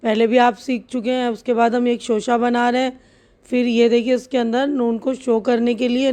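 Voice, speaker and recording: A woman's voice: a little high, warm tone. A woman teacher explaining a lesson, patiently spelling out each letter. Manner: spells letters out slowly and patiently, stretching words. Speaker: Urdu teacher. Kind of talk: slow step-by-step lesson explanation.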